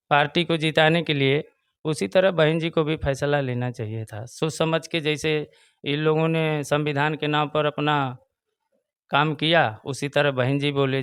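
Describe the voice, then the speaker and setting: A man with a Bhojpuri-tinged Hindi accent speaks earnestly in an interview, his voice slightly high and notably clear and resonant. He circles back to his main points and presses them harder as he goes. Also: a bit bright. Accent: Bhojpuri-tinged Hindi of eastern Uttar Pradesh. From Chandauli, Uttar Pradesh. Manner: earnest, repeats his points, rises in emphasis. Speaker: local party booth president, interviewee. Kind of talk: casual political opinion interview.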